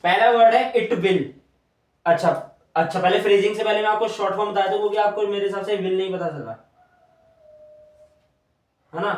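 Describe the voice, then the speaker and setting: A man's voice: high-pitched, steady tone, moderate pace, long pauses. A young man teaching shorthand at a whiteboard, patiently repeating each stroke aloud as he draws. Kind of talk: whiteboard lesson. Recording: echoey room, voice from a distance.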